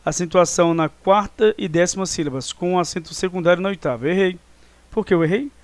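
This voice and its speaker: A man's voice: high voice, brisk, no echo. A man teaching a recorded review lesson with a Brazilian Portuguese accent, explaining step by step and counting syllables aloud.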